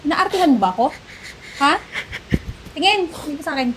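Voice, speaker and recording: An actress plays a heartless young woman who berates her aged mother in a very high, shrill voice. Her tone is scolding and mocking, melodrama style. Faint noise sits behind the voice. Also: expressive, a little fast, a bit bright. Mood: contemptuous. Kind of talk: melodrama acting.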